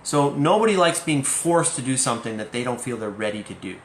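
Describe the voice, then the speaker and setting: Slow, patient man in an echoey room. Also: mid-range voice, sing-song. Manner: slow, patient, teacherly, with gentle jokes. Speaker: parenting talk co-host, teacher. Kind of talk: live-stream parenting chat. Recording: echoey room, faint background noise.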